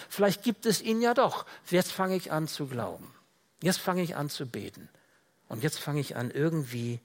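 A man preaching a sermon in a casual, conversational way, often dropping to quiet, low tones for emphasis. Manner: rises and gets louder when reading out dramatic Bible quotes.

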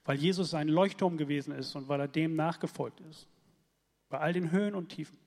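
A man preaching a sermon in a lively, conversational way, often checking in with his listeners. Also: fairly high pitch, brisk, in a large hall.

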